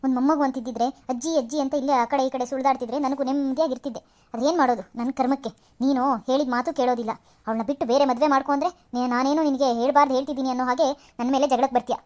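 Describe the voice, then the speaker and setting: A quarrelsome old mother-in-law from a cartoon serial, voiced by a woman, who scolds and complains in a high voice at a rapid clip. Her lines come in heavy sighs and self-pitying grumbles. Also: fairly even intonation, a little mellow, lightly acted. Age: older. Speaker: cartoon voice actor.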